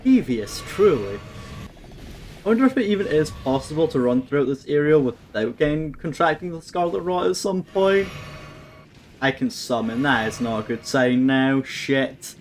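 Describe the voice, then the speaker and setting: A man's voice: on the high side, very animated, normal speed, faint music behind. A man giving casual let's-play commentary, thinking aloud and swearing at the game with wry humour. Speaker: gameplay commentator. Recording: faint background noise.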